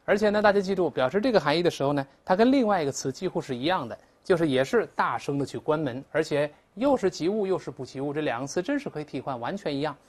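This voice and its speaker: Animated Mandarin-speaking woman teacher. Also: low voice, fast talker, few pauses. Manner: animated, drills pronunciation aloud with repetition; explains in Mandarin with English examples. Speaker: English teacher. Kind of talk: classroom vocabulary lesson.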